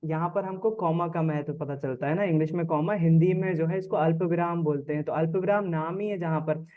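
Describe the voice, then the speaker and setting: Male teacher, lively online lecture, lo-fi. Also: fairly high pitch, brisk. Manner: conversational, repeats "है ना?" checks with students.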